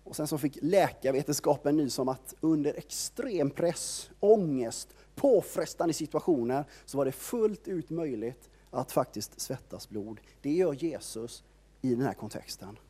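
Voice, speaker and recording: A male preacher retells scripture in a relaxed, chatty way, with filler words dotting his sentences. His voice is somewhat high for a man but dark and mellow in tone. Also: husky. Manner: conversational storytelling, constant filler words. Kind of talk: informal sermon retelling a Bible story.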